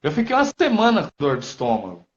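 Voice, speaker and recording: A man with a Brazilian accent, an Umbanda priest speaking as a guest in a live-stream conversation, a lively storyteller who acts out quotes. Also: high-pitched, fast. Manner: lively storyteller acting out quotes, frequent tag questions. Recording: dull lo-fi live-stream audio.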